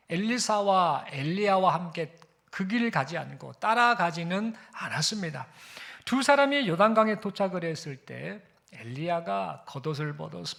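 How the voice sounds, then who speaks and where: Male pastor, sermon storytelling, measured, high and gravelly. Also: fairly bright tone.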